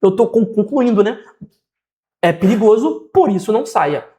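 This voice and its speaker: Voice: medium pitch, lively intonation, moderate pace, dark tone. Brazilian accent, teacher, grammar lesson, patient, repeats examples, checks in often. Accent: Brazilian Portuguese.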